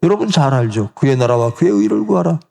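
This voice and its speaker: A man's voice: medium pitch, very animated, quick pace, creaky, warm tone. A middle-aged male pastor preaching a sermon in a church, asking the congregation questions and acting out the voices he quotes. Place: church sanctuary.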